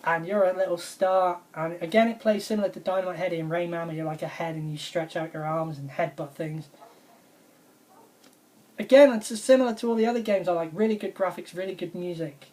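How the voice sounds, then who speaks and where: Low-voiced enthusiastic woman. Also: fairly even intonation, a little fast, dark tone. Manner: enthusiastic, rambling, repeats praise. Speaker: video game vlogger. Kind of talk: casual video game review vlog.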